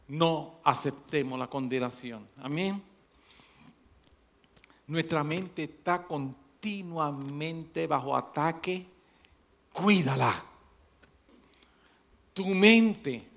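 A pastor preaching a sermon, swinging between loud emphatic stretches and low quiet ones, repeating phrases for emphasis. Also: male voice.

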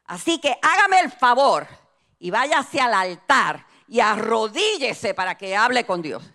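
A woman's voice: fairly high pitch, very animated, unhurried, bright, forceful tone, exaggerated voice. A woman voicing a stern, imposing male pastor who gives curt orders. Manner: commanding, curt. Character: stern big male pastor, demanding and cold.

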